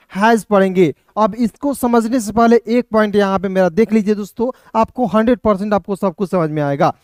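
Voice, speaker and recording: High-voiced man teaching spelling. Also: a little mellow, no room sound. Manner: repetitive, addresses viewers as friends, spells words letter by letter. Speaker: English teacher. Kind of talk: classroom-style lesson for video.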